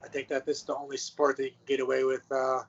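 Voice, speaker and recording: A man's voice: mid-range voice, monotone, fast. A man co-hosting a sports podcast, talking in a laid-back, casual way with plenty of fillers. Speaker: podcast co-host. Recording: muffled lo-fi audio.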